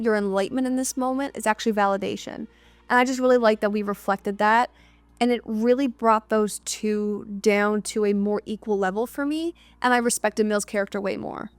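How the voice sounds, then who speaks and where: A woman with a fairly high voice talks through a film recap like she is chatting with a friend. She is emphatic and circles back to repeat her key lines. The sound is close and dry, with no room echo. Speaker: movie reviewer.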